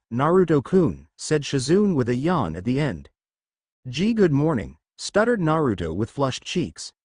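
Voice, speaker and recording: Male storyteller with lively pitch. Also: no room sound, studio quality. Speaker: narrator. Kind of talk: scripted fan-fiction narration.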